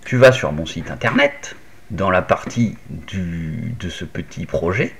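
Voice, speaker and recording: A man's voice: low-pitched, animated, unhurried, creaky, a bit bright, breathy edge. A man casually walking the viewer through a hands-on electronics tutorial, step by step, with little fillers like "hop" and "tac". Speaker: maker explaining an Arduino project. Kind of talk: casual screen-recorded tutorial.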